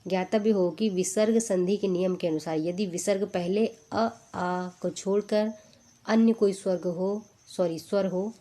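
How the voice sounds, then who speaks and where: Woman, teacher, slow unhurried delivery, mellow tone, repeats each word, step-by-step explanations. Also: mid-range voice, steady tone. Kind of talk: exam-prep spelling lesson.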